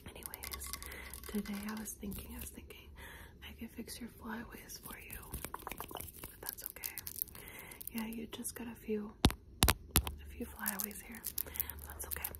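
A woman whispering gently and reassuringly through an ASMR video, speaking directly to the listener as if fixing their hair. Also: on the high side, little pitch movement, measured pace, long pauses, low-quality recording. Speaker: ASMR creator. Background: passing car.

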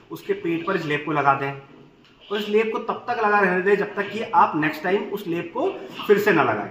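A man in his thirties talks to camera as a goat farmer and channel host, laying out a remedy step by step and repeating the key points for his viewers. His voice sits a little high. The sound carries the echo of a large open shed over a faint bed of background noise. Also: a bit bright. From India. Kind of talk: instructional farming video. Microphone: camera at medium distance, standing to camera.

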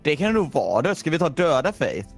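A young man gaming with a friend, chatting casually and lively. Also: on the high side, gravelly, faint music behind. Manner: lively, jumps into loud squeals. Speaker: co-op gaming partner. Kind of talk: casual co-op gameplay chat.

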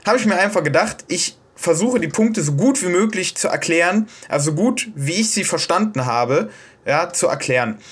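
Slightly high, a bit bright, and husky, this German man's voice carries a casual, hesitant self-made tutorial on Japanese pronunciation, full of fillers and restarts.

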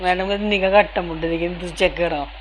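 A woman's voice: on the low side, fairly even intonation, rapid-fire, slight background noise, rough recording. Weary older woman telling her story. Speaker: interviewee, mother. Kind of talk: casual interview answers.

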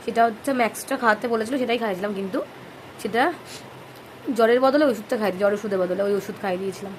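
Hoarse woman vlogging at home. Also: mid-range voice, rapid-fire. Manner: chatty, coaxing her baby in between. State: hoarse from a cold. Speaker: mother vlogging about her sick baby. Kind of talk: casual vlog narration. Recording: noisy home recording.

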